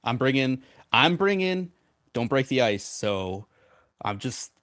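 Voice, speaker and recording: A man's voice: medium pitch, slow, dry recording, studio quality. A man co-casting a card game live, laid back and hesitant, with frequent fillers. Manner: relaxed, hesitant, many fillers. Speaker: co-caster.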